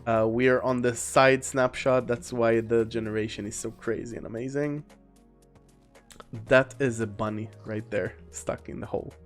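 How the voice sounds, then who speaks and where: Male game streamer, casual rambling commentary, mid-pitched, reads chat aloud, faint music underneath. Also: fairly even intonation, moderate pace. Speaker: gaming streamer. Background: faint background music.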